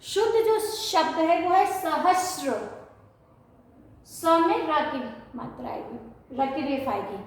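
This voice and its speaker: A woman teacher with a high voice talks slowly and carefully. She goes over each word again and again as a drill. The room around her echoes heavily. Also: very animated, vocal fry. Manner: slow, repeats words for drill. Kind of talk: Hindi pronunciation lesson.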